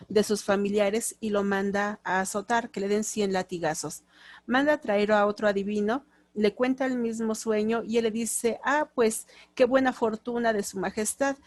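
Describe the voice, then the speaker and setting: A woman's voice: mid-range voice, fairly even intonation, moderate pace, a little mellow, dry recording. A woman with a Mexican accent, teaching a lecture class and now and then acting out quoted phrases in different tones. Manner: explanatory, acts out short quoted lines in different tones.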